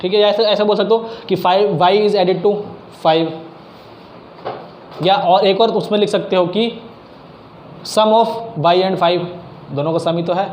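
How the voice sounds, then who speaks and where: A math tutor with a high, darkish voice talks a little slowly with fairly even intonation. He explains problems step by step in a casual classroom manner, weaving English math terms into his talk, recorded in an echoey room with faint noise.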